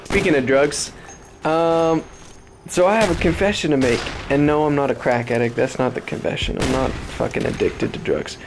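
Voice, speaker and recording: A man, hoarse from losing his voice, giving casual game commentary from his apartment, rambling and swearing with frequent laughs. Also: mid-range voice, normal speed, background noise. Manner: rambling, profane, laughs often. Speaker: gaming commentator. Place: apartment at home.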